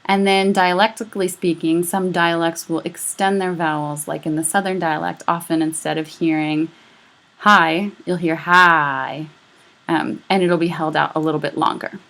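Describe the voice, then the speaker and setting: A woman teaching a recorded lecture, explaining step by step and saying sample sounds aloud to show them. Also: lowish voice. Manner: patient, explanatory, demonstrates speech sounds aloud. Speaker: instructor.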